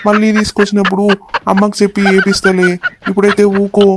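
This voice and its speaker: A woman voicing a doting, quick-tempered young husband in a cartoon, coaxing. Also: mid-range voice, completely flat delivery, heavy background noise, close to an everyday voice. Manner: coaxing, calls his wife endearments.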